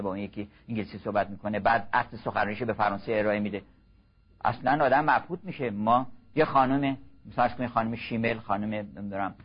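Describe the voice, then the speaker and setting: An older man giving a measured, exhorting religious lecture, slow and earnest. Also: mid-range voice, slightly rough. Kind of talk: sermon-style lecture. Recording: muffled lo-fi recording.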